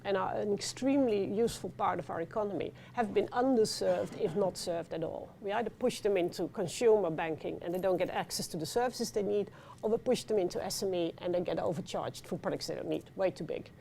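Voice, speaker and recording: Dutch-accented woman on a panel, bit of vocal fry, faint hiss behind, lots of uh and restarts. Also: medium pitch, a little fast. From Netherlands. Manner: animated, with frequent fillers and restarts. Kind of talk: panel discussion talk. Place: conference venue.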